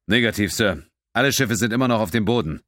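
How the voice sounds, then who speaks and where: A man voicing a crisp male starship officer giving reports in an audiobook. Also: lowish voice, lively intonation, quick pace, fairly bright tone, no room sound, clean studio sound, voice pushed up.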